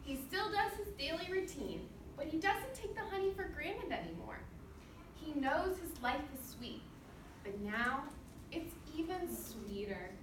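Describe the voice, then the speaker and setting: This student teacher reads an interactive storybook to her class in a high, very animated voice, taking her time. She keeps encouraging the children and frequently poses questions to them. The microphone is distant, the room sounds spacious, and background noise is clearly audible.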